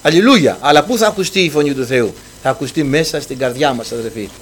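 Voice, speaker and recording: A man preaching a sermon, addressing his listeners as brothers and reading scripture aloud, swinging between loud proclamation and hushed speech. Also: mid-range voice, expressive, slight background noise.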